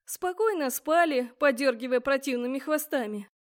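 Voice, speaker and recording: A woman reading a first-person fantasy audiobook aloud, expressive and voicing the characters as she goes. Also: sits high, normal speed. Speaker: audiobook narrator.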